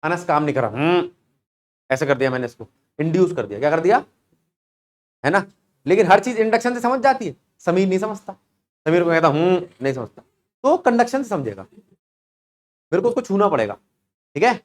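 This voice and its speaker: A man's voice: high voice, sing-song, a little fast, long pauses. A young man teaching physics in a classroom, chatty and joking, telling stories and quizzing students by name. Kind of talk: classroom lecture.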